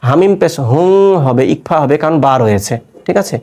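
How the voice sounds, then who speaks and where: A man gives a step-by-step Quran recitation lesson, spelling out letters and marks, then chanting each joined word in a long, drawn-out tone. His voice is a little high, animated and darkish in tone, and he asks his listeners questions before answering them himself.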